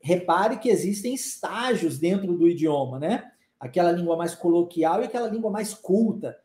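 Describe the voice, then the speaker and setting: A man's voice: sits high, expressive, moderate pace, warm tone, roomy sound. A man with a Brazilian Portuguese accent teaching an online language lesson, explaining patiently and checking in often with short questions. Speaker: English teacher.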